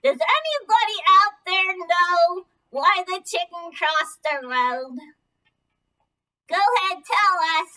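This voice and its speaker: A squeaky ventriloquist dummy, voiced by a woman, playing a cheeky and boastful boy who is none too bright. The pitch is high and swoops around in a bright, piercing tone. The microphone sits some way off. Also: animated, slow, full character voice. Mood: cocky. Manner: exclamatory, hesitant when stumped, cheeky. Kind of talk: ventriloquist comedy act. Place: indoor painted playroom, far camera. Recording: distant microphone in a room.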